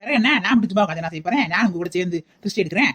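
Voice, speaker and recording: Rapid-fire boastful woman. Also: lowish voice, a bit bright, breathy edge, no echo. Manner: brash, boastful. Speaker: guest relative. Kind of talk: comic skit.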